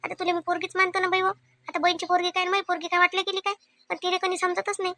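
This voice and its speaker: Cartoon: high, fast, pleading widowed aunt, voiced by a woman, Vidarbha Marathi accent. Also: level tone, pushed and bright, heavily acted. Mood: hurt. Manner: pleading, self-defending. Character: meek childless widowed aunt, wronged. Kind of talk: cartoon family comedy.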